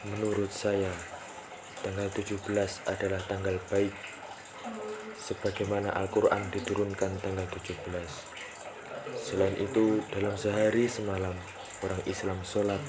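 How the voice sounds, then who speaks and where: A woman playing a calm, commanding male independence leader in a school drama, giving instructions in a stiff, recited way. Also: extremely low pitch, normal speed, crowd noise.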